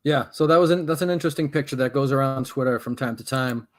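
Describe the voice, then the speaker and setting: A man hosting a casual comedy podcast, talking in a relaxed way with frequent stammered restarts. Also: mid-range voice, fast. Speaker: podcast host.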